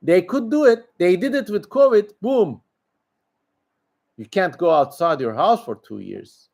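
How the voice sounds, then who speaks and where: A man from Turkey hosting a casual livestream speaks with a Turkish accent in a high-pitched, darkish voice with vocal fry and lively intonation, taking his time. He answers viewers in an emphatic, opinionated, rambling manner.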